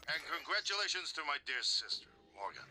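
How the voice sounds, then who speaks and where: An actor in a video game playing a self-assured corporate brother with a formal, polished manner. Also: male voice, a little high, sing-song, quick pace, pushed and bright, exaggerated voice.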